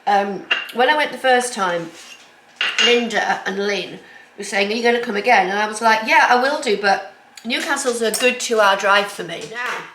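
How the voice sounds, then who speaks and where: A woman with a highish, fairly bright voice talks at normal speed, casually chatting in her home kitchen for a sewing vlog. She's congested with a cold and rambles with plenty of ums; the room is echoey and has faint noise in the background.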